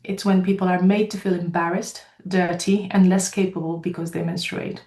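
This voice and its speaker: A woman's voice: fairly low pitch, level tone, normal speed, mellow, reverberant. A woman from Nepal with a Nepali accent, speaking as a company founder at a webinar and earnestly telling her own story with frequent ums. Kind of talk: webinar talk.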